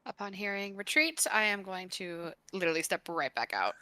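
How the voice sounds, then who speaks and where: A woman's voice: mid-range voice, animated, a little fast, pushed and bright, no room sound. A woman playing a tabletop game, carefully describing her character's moves. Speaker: player.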